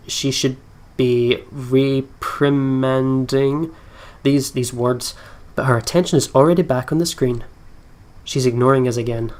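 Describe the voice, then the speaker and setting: A man with a mid-range voice hosts a gaming video, reading story text aloud and chattily thinking out loud.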